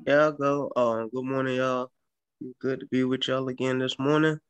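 A man's voice: medium pitch, level tone, normal speed, clean tone, no echo. An American man casually introducing himself to a group on a video call.

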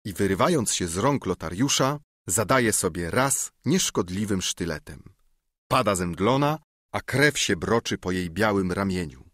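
Lively, low-voiced male audiobook narrator. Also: dry recording, studio quality. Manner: measured, expressive storytelling. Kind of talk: scripted classic-novel narration.

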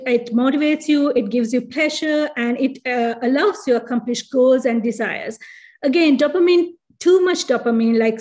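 A woman's voice: sits high, a little mellow. A woman in her thirties with a Sri Lankan accent, explaining brain science in an online lecture, with many fillers and restarts. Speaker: neurologist giving a talk. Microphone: video call.

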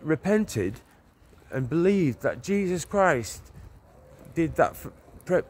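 A man's voice: on the high side, sing-song, slow, darkish tone. A man in his forties preaching while he walks outdoors, talking earnestly into a phone at arm's length, rambling with restarts. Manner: earnest, rambling, with many restarts and "you know". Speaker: street preacher. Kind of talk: walk-and-talk preaching vlog. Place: outdoors on a leafy town street and park. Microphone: phone camera held at arm's length. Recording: faint street noise and passing cars.

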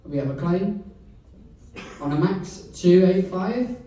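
Male bingo caller, deep mellow tone, unhurried sing-song delivery, distant roomy sound. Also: lo-fi sound. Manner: steady sing-song number calling, repeating each digit pair. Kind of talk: calling bingo numbers. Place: large bingo hall. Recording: echoey hall, voice from far off.

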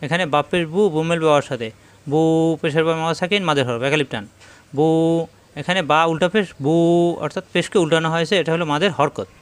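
A man with a Bangladeshi Bengali accent teaching Quran recitation rules step by step, patiently drilling syllables by repeating them slowly. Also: on the high side, a bit bright, smooth. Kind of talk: step-by-step tajweed lesson.

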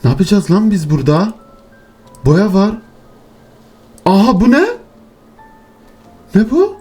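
A man's voice: high voice, sing-song, slow, dark tone, faint music behind. A man hosting a horror game let's play, talking to his viewers, muttering nervously and swearing and shrieking when startled. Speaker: gaming channel host.

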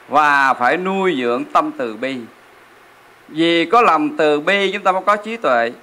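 A male Buddhist monk preaches in a temple hall. His voice is somewhat high and bright, with a forceful ring. He keeps turning to the audience with rhetorical questions. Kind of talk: sermon.

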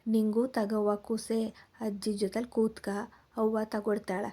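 A woman voicing a blunt, caring grown son who talks in gruff village speech. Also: a little high, little pitch movement, a little slow, mellow. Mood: bossy.

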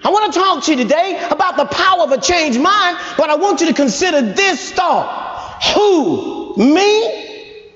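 A man preaching a sermon in a folksy, conversational way, building to shouted emphasis and calling out to the congregation. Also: very high-pitched, lively intonation, brisk, hardly any pauses. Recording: echoey hall, dull lo-fi sound.

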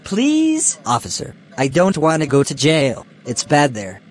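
A man's voice: fairly high pitch, huge pitch swings, unhurried, slight background noise. A man's synthetic voice playing a whiny bald young boy who complains about being locked up. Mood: whining. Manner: whining, complaining.

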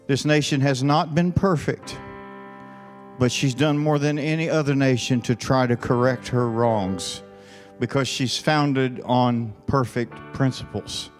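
Middle-aged man preaching, slow and deliberate, emphatic, long church reverb, faint music behind. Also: medium pitch. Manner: emphatic, rising to forceful declarations. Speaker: pastor. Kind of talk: sermon. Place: large church sanctuary, on stage. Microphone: handheld mic, then pulpit mic.

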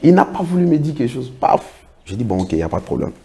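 A man's voice: mid-range voice, big pitch swings, quick pace, dark tone. A middle-aged man, telling stories as a guest in a casual interview and acting out what others said to him. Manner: recounts anecdotes, acts out others' words. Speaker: interview guest, project financing consultant.

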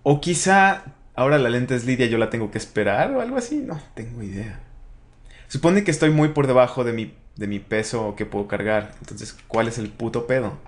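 A man's voice: medium pitch, animated, fairly quick. A young man with a Mexican accent giving casual let's-play commentary, chatting to his in-game companion and viewers and swearing casually. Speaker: gaming channel host.

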